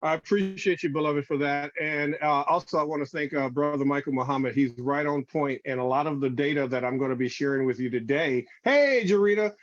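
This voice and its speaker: A man's voice: fairly high pitch, fairly quick, few pauses. A man who is a reverend presents a spiritual lecture over a video call, addressing listeners as family, heard in a screen recording. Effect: video call audio in a screen recording. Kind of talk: spiritual lecture to an online audience. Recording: dull, dry video call audio.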